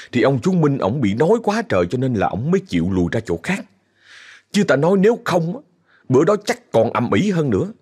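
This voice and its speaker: A man's voice: medium pitch, a little mellow, breathy edge. A man with a Southern Vietnamese accent narrating a ghost story in a chatty way, talking straight to his listeners. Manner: chatty, addresses listeners directly.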